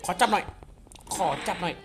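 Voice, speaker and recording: A man reviewing a fighting game character, talking through the moves and exclaiming loudly at the flashy attacks. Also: brisk, music in the background. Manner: excitable, exclaims and gasps often. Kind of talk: excited gameplay commentary. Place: home beside a busy road.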